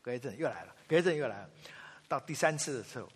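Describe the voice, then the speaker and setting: A man in his fifties giving a sermon, telling family anecdotes in an animated way and acting out the quotes. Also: mid-range voice, fast, slightly rough. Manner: storytelling, animated, acts out quotes. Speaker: pastor. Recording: long reverb of a large hall.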